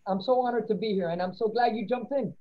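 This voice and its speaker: A middle-aged woman, a city manager, answering questions in an online lecture, upbeat and encouraging, listing points in quick bursts from her office webcam. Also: on the high side. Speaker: city manager, guest speaker. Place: office with poster on the wall. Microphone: laptop webcam on video call. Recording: dull lo-fi video call audio.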